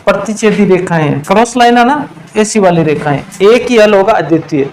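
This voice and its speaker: A male math teacher giving a classroom lesson, quizzing his students and answering his own questions, and drawing out the key terms slowly. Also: high-pitched, animated, a little mellow, a little hiss or hum, rough recording. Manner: slows to a drawn-out pace on key terms.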